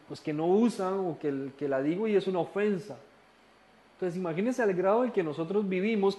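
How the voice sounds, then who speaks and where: This is a Costa Rican man, fairly high-voiced with a Costa Rican Spanish accent, leading a recorded Bible study course. Calm in tone, he asks rhetorical questions and now and then begins a word over.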